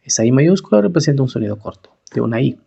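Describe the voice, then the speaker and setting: A man teaching English pronunciation, slowly repeating each word several times. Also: mid-range voice, very animated, gravelly, dark tone, breathy edge. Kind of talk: pronunciation lesson. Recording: dull, lo-fi recording.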